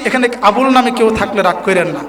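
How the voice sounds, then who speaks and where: A man's voice: high voice, quick pace. A man preaching a fiery sermon to a large gathering, calling on the crowd to answer him. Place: large outdoor religious gathering. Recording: long reverb of a loudspeaker hall.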